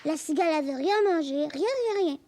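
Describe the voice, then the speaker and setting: An actress voicing a lively, curious little girl on a children's TV show. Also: sits high, normal speed, slight background noise. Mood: eager. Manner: eager, childlike, bragging. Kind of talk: children's TV acting.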